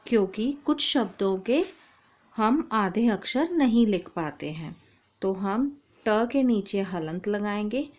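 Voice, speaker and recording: A woman teaching young children a Hindi lesson. She speaks slowly and patiently and says each sound and word on its own, at a middle pitch. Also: a little mellow. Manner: slow, patient, spells out sounds.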